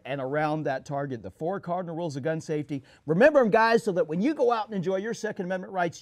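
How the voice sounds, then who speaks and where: A man's voice: sits high, darkish tone, no echo, clean studio sound. A middle-aged man presenting a product review to camera as a show host, in an emphatic, instructional manner, addressing viewers directly. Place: small studio set, indoors at a table.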